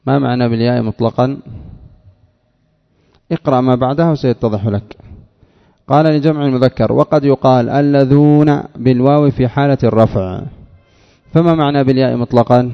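A man with a gravelly, creaky voice gives a measured grammar lesson and repeats key phrases to his students. His voice carries a long hall reverb, and the recording sounds dull and lo-fi. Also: medium pitch, steady tone. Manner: measured, repeats phrases to drive points home. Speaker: teacher. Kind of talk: grammar lesson explaining a text.

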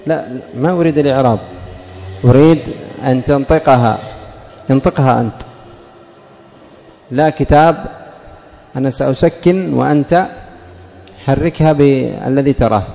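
A man teaching Arabic grammar to a class, quizzing students and repeating example sentences slowly. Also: medium pitch, vocal fry, dark tone, in a large hall, slight background noise.

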